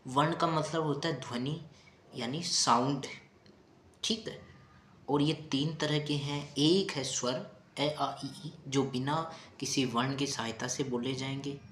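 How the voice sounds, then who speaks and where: Guy teaching grammar real slow, keeps repeating terms and asking questions, roomy echo. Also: medium pitch, fairly even intonation, a bit bright, a little hiss or hum. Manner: patient, repeats key terms and asks rhetorical questions. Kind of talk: Hindi grammar lesson.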